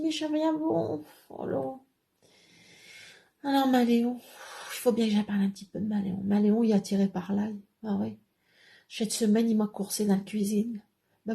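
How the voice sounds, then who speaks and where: A woman's voice: fairly high pitch, gravelly, mellow. A woman playing a chatty, gossiping village woman in a rambling comic monologue that keeps dropping into confiding whispers. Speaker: comic segment character.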